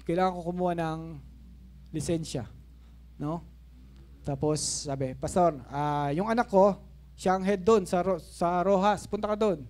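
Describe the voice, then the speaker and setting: A man in his fifties preaching with a high, light voice. He tells stories in an animated way, dropping to a soft murmur and then rising to a shout, with laughing asides along the way. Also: unhurried, long pauses. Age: 50s. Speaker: pastor. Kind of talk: Taglish sermon storytelling.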